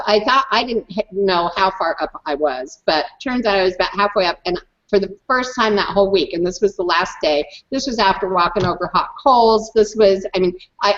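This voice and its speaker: A woman, a guest in an online hangout, telling a personal story in an emphatic, animated way and often repeating words. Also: mid-range voice, lo-fi sound.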